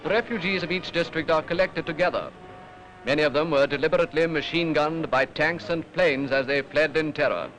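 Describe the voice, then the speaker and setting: Old newsreel announcer: British man, fairly high voice, formal and rhetorical, music running behind him. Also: fairly quick, poor audio. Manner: formal, rhetorical, declamatory delivery. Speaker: newsreel narrator. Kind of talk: 1940s British newsreel narration.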